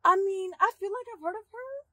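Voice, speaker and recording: A man's voice: very high voice, fairly quick, no echo, full character voice. A young man playing an exasperated young driver who ribs his friends in an amateur youth drama. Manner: exasperated, expressive.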